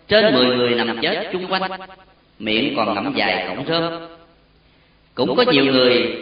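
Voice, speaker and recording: A man narrating a solemn story with an expressive, emotional delivery. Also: a little high. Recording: very echoey, distant, dull lo-fi sound.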